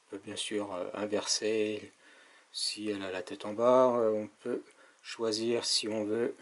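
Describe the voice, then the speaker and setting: A man's voice: fairly low pitch, flat delivery, a little slow. A man giving a casual hands-on product demonstration as a tech reviewer, explaining step by step with frequent hesitations.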